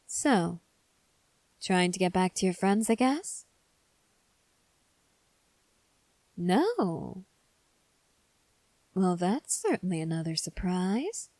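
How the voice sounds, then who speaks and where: A woman playing a cynical, taunting gang member in an ASMR role-play, speaking in a sardonic, teasing, unhurried way. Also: lowish voice, big pitch swings, darkish tone, no room sound, full character voice. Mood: dry, probing.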